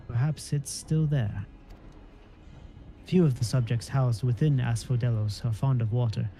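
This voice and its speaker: A man reading the lines of an earnest young scholar from a game, in a calm, even manner. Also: mid-range voice, lightly acted. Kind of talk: reading game dialogue aloud.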